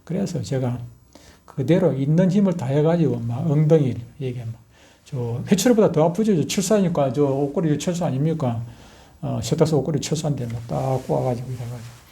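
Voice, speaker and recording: Middle-aged pastor man, sermon storytelling, kinda high, mellow tone. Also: fairly quick, gravelly. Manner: animated storytelling, acting out scenes with loud outbursts.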